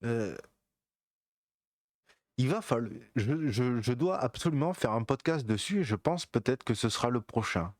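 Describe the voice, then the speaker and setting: A man's voice: mid-range voice, expressive, moderate pace, no echo, clean studio sound. A man hosting a casual podcast monologue, hesitant with many fillers and restarts, with playful jokey asides. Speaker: podcast host.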